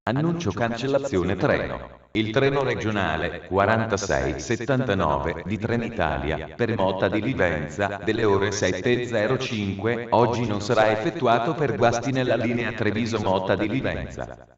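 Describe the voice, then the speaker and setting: Man, flat formal station announcement, segmented phrasing, distant, muffled public address sound. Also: fairly low pitch, normal speed. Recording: echoey dull station loudspeaker from afar.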